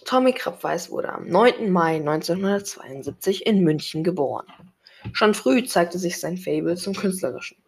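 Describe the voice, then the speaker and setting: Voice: medium pitch, animated, moderate pace, vocal fry, husky. A reader presenting a book and its author, reading aloud plainly with occasional slips.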